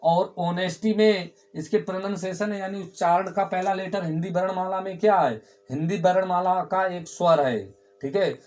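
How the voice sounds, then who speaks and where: High-voiced man teaching grammar. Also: fairly even intonation, normal speed, a little mellow. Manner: explains step by step, asks students questions and answers them himself; repeats key words for emphasis. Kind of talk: classroom grammar lesson.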